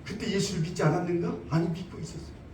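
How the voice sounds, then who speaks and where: A man's voice: high voice, fast talker, darkish tone, slight background noise. A man preaching a sermon as pastor, emphatic, repeating his phrases and asking rhetorical questions. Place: church sanctuary. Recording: roomy, distant church recording.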